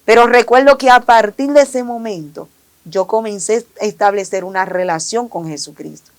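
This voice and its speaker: A woman's voice: mid-range voice, normal speed. A woman giving an earnest, emotional personal faith testimony, often repeating her phrases. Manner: earnest, repetitive, emotional retelling. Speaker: testimony giver.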